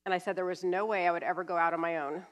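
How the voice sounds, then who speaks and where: An estate planning attorney in her fifties from California gives a guest seminar talk in a church hall while sniffly with a cold. She explains things plainly, with some fillers, into a handheld mic. Her fairly low voice holds a steady tone and races along.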